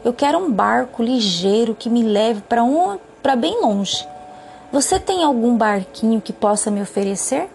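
A woman's voice: a little high, expressive, moderate pace, gravelly, a little mellow, a little hiss or hum. A woman voicing a needy boy in a storybook who grows into a tired old man, speaking in a demanding, weary way.

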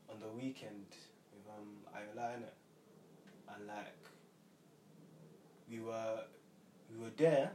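A man's voice: fairly low pitch, warm tone, recorded from a distance. A young man talks in a roomy space, a little away from the mic, with faint noise behind him. He has a London roadman accent and rambles through stories in casual street slang. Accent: London roadman, multicultural urban slang. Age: young adult. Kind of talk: casual banter and storytelling.

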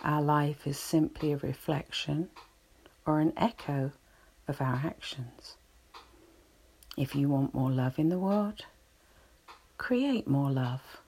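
Brief: soothing woman, relaxation guide, low husky voice. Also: a little mellow. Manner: slow, soothing, reflective.

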